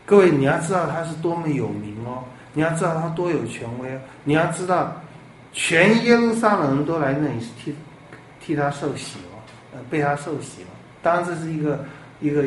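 A male pastor delivers an animated sermon, tossing out rhetorical questions. His voice sits a little high. It echoes around a reverberant room with faint background ambience. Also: brisk, a little hiss or hum. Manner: animated, rhetorical questions, lively swings in loudness.

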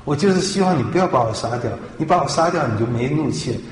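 A man's voice: fairly high pitch, expressive, fast talker. A man preaching a sermon with emphasis, putting rhetorical questions to his listeners. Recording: echoey hall with long reverb.

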